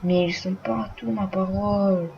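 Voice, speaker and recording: Guy doing game commentary, slow and mellow, kinda muffled lo-fi mic w/ a bit of hiss. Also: high voice, fairly even intonation, vocal fry. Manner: talks softly and slowly, swears when startled. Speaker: gameplay commentator. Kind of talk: let's play commentary. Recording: dull lo-fi recording with faint noise.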